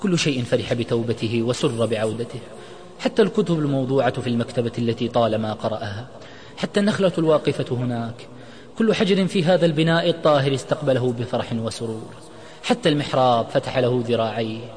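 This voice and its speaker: A male narrator reads a scripted moral story in a measured, dramatic way. His mid-range voice is bathed in long reverb. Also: mid-range voice, darkish tone.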